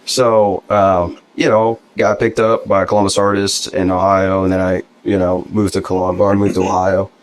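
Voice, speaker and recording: A man's voice: sits low, little pitch movement, moderate pace, hardly any pauses, rough recording. A young man from New Jersey, a musician guest, chatting casually in an interview, tired and hungover, laid-back and rambling with lots of fillers.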